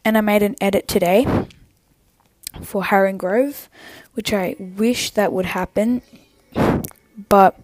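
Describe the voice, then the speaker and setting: A young woman sick with tonsillitis, chatting casually and haltingly on a solo podcast, rambling and interrupting herself. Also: mid-range voice, steady tone, a little mellow. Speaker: podcast host.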